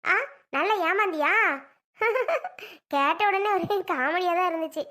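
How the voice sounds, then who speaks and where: A woman's voice: very high-pitched, slow, fairly bright tone, heavily acted. A woman playing a mocking, gossiping sister-in-law who taunts the family in a homemade family drama skit. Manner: taunting, sneering, laughs at others.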